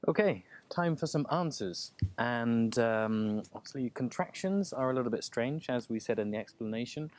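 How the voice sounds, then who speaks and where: A man works through an English textbook, explaining calmly and repeating words so learners can practice their pronunciation. His pitch is medium.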